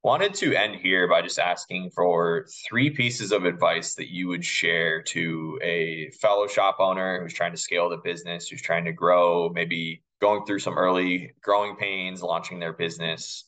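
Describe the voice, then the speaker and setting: A man hosting a podcast, asking interview questions in a measured, affirming manner. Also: sits low, steady tone, sharp tone, low-quality recording. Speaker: podcast host.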